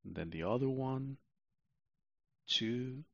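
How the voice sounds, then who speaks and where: A man narrating a guided sleep meditation like a sleep story, soothing and unhurried, with long pauses, on a muffled recording. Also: mid-range voice, lively intonation, gravelly, fairly bright tone, no room sound.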